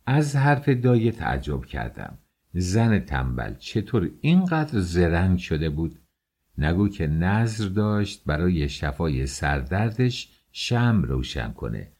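A male audiobook narrator with a very deep, husky voice. He reads expressively, and his pitch rises and falls in a lively way. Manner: expressive storytelling.

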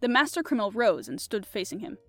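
Expressive woman narrating a classic mystery. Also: mid-range voice, quick pace, dry recording, soft background music. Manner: expressive, animated reading. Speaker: podcast host and audiobook reader. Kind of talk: audiobook narration.

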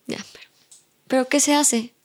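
Mexican woman guest on a podcast, kinda high voice, chatty, does the voices of people she quotes. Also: fairly even intonation, moderate pace. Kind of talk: casual podcast chat.

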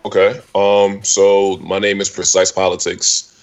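A Brooklyn-born man talking about his music as an interview guest, relaxed and easygoing. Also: sits low, a little slow. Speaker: rapper guest. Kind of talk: casual interview chat. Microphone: video call setup.

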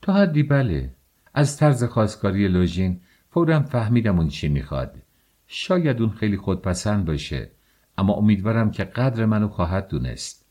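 A man's voice: fairly low pitch, sing-song, warm tone. A man voicing a proud young woman who pleads her case indignantly in a storybook reading. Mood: firm.

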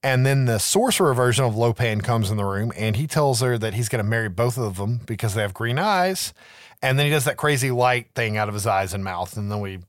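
A man's voice: mid-range voice, expressive, brisk, no echo. A man recaps a film in loose, profane podcast chatter. He often checks in with a tossed-off "right?" as he goes. His voice sits close on a dry mic with no room sound. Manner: laid-back, swears, keeps adding "right?". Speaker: podcast host. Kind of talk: casual movie recap chat.

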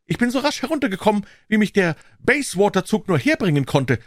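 A man voicing a quarrelsome, stingy old nobleman in an audiobook, with a whining yet sharp, insistent voice. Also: high voice, very animated, a little fast, no room sound, studio quality, voice pushed up. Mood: indignant, stingy. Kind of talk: audiobook character voice.

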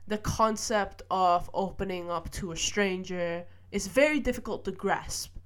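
A young woman from Malaysia talks to camera in a casual personal vlog. She is reflective and hesitant, often pausing on fillers and letting out small laughs. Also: mid-range voice. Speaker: student vlogger.

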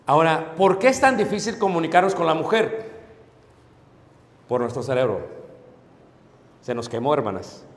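A man preaching a sermon on marriage to a congregation, acting out husband and wife exchanges with lively voices and asking the audience to agree. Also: a little high, normal speed, long pauses. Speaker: pastor. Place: church hall. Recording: echoey hall with long reverb.

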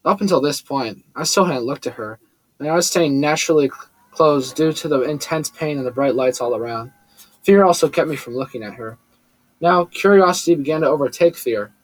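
A man narrates a first-person story in a measured, steady way, with a voice sitting a touch higher than most men's. The recording is close and completely dry, with no room sound. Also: no echo. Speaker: audiobook narrator.

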